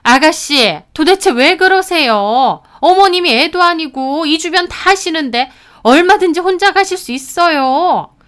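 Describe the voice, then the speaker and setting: A woman voicing a young wife and sister-in-law who talks slowly, indignant and politely sharp. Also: extremely high pitch, expressive, voice pushed up, full character voice.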